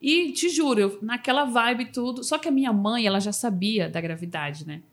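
A woman's voice: on the high side, moderate pace. A woman, a motivational speaker, telling a personal story in a casual podcast interview, with emotional restarts. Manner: emotional storytelling, restarts and fillers like "sabe assim".

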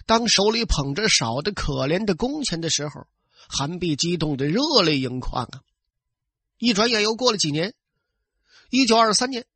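A man telling a tale in traditional oral storytelling style, lively and conversational, talking straight to his listeners. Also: high voice, breathy edge, no room sound.

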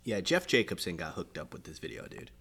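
A man's voice: low voice, very animated, brisk, vocal fry, fairly bright tone, slightly rough. A man co-hosting a podcast, bantering casually and laughing in disbelief. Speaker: podcast co-host. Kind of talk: casual chat.

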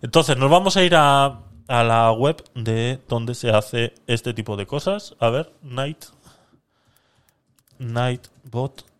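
A man's voice: medium pitch, slow, fairly bright tone, clean tone. A man hosting a live-stream podcast, chatting casually with viewers while he talks himself through a giveaway. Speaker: livestream podcast host.

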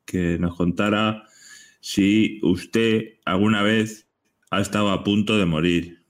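A man hosts a mock interview with a somewhat low voice. He keeps a straight face and answers with short amused exclamations. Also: steady tone, takes it slowly.

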